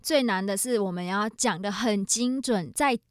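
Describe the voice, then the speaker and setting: A woman's voice: mid-range voice, moderate pace, no room sound, studio quality. A woman from Vietnam with a Vietnamese accent, speaking Mandarin as a foreigner and telling stories casually as an interview guest. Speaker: interview guest, bilingual host and video creator.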